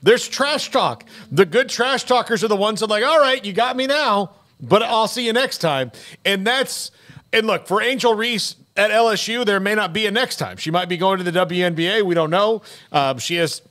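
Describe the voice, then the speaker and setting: A middle-aged man co-hosting a sports talk show in a studio, animated, with many fillers. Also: sits high, normal speed. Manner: animated, uses lots of "like" and acted quotes. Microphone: studio mic with headphones.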